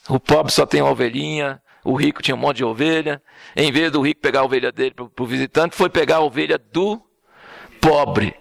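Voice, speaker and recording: A man's voice: on the high side, vocal fry, no echo. A man preaching an informal sermon, telling the story conversationally and often checking in with "right?" and "understand?". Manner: conversational, animated storytelling with frequent "né?" and "entendeu?".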